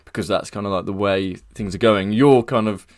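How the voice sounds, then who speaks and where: A man's voice: lowish voice, fairly quick, darkish tone, dry recording, studio quality. A man hosting a podcast, asking long, rambling questions in a friendly, chatty way. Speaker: podcast host. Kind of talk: casual podcast interview.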